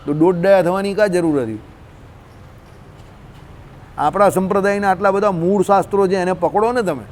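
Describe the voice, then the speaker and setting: A man's voice: sits high, normal speed, darkish tone, slight background noise. A man, teaching scripture in a scolding, colloquial way, full of rhetorical questions. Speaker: religious teacher. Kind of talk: scriptural discourse.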